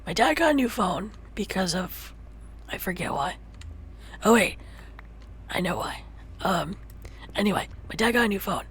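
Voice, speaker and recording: A tired young woman chatting while playing a game, teasing her partner and often dropping into soft whispers and little sung bits. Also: medium pitch, big pitch swings, normal speed, long pauses, slight background noise. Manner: teasing and playful, drops to soft whispers, hums little songs. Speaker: streamer. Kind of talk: casual gaming chat.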